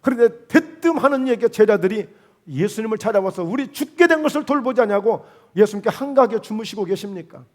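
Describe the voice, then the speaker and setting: A man's voice: high voice, animated, fairly quick. A man with a Jeolla Korean accent preaching a sermon as pastor, emphatic, with rhetorical questions and quoted dialogue. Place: church sanctuary.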